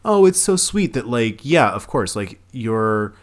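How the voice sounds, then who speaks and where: A man co-hosting a casual movie review podcast, swearing freely, laughing often and breaking into animated bursts. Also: medium pitch, unhurried. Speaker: podcast co-host.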